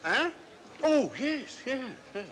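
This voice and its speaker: A man playing a flustered, defensive police inspector in an old film, halting and evasive. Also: extremely high pitch, very animated, a bit bright, a little hiss or hum, exaggerated voice. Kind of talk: 1940s film acting.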